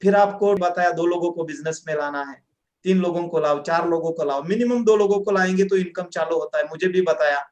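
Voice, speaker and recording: A man's voice: on the high side, fairly quick, reverberant, dull audio. A man telling his own story as a motivational testimonial, acting out the dialogue. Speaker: direct selling distributor.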